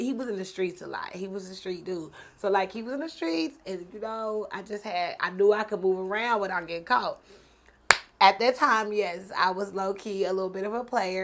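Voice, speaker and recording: A woman host telling a personal story in a casual, slangy, animated way, often laughing. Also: mid-range voice, slight background noise. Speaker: podcast host.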